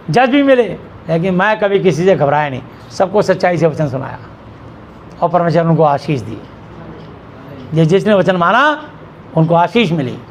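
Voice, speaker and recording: A man's voice: high voice, a little hiss or hum. A middle-aged man pastor delivering an emphatic sermon in a church hall, asking rhetorical questions and answering them himself.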